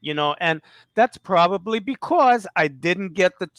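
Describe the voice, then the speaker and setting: A man's voice: sits high, expressive, a little slow, a bit bright, no room sound. A man telling a story in casual conversation, laughing often, swearing and repeating himself.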